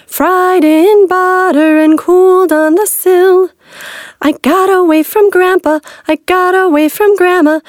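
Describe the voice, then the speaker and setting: A boastful little bun chants its bragging song in a very high, slow, bouncing sing-song, voiced by a woman reading a storybook. The sound is close and dry, with no room around it. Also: darkish tone, no echo.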